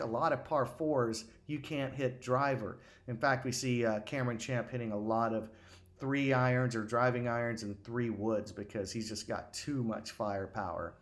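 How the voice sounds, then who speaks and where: A middle-aged man of middle pitch talks as a golf instructor going over swing footage. He is enthusiastic and rambling, full of fillers and restarts as he reacts. His commentary sounds unscripted.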